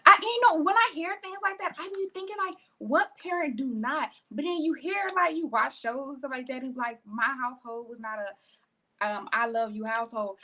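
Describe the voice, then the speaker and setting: A woman's voice: high voice, moderate pace. A woman in her thirties, co-hosting a podcast in casual chat, rambling through family stories and laughing as she talks. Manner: warm-hearted, rambling, laughs while talking. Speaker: podcast co-host.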